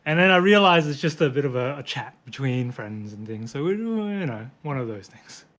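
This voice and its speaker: A man's voice: medium pitch, lively intonation, moderate pace, a bit bright. A man in his twenties with an Australian accent, chatting casually as a podcast guest, laughing easily and joking about himself. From born in Hong Kong, raised in Brisbane, Australia. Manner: chatty, laughs easily, self-deprecating asides. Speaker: physiotherapist guest.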